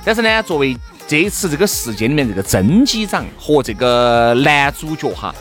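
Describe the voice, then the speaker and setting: A man's voice: a little high, sing-song, moderate pace, fairly bright tone, soft background music. A man with a Sichuan accent co-hosting a talk show, chatting casually and animatedly in colloquial dialect, with exclamations and emphatic repetition. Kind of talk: animated casual chat for listeners.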